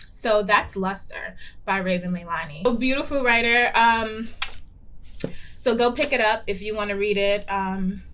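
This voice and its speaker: A woman's voice: mid-range voice, fairly bright tone. Chatty woman reviewing a book. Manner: chatty, candid, frequent ums, playful swearing. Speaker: book reviewer and show host. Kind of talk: casual book review vlog.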